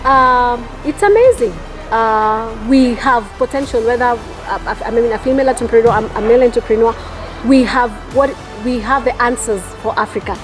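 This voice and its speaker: A Kenyan entrepreneur and property developer answers interview questions earnestly and reflectively, often repeating phrases. Her voice is a little high and moderately paced; music plays in the background and the audio quality is poor.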